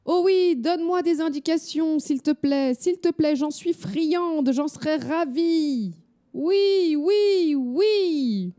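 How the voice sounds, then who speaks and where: A woman's voice: mid-range voice, animated, takes it slowly, pauses often, mellow. A woman voicing a feisty, bossy old grandmother who scolds and demands respect, in an improvised game role-play. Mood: eager.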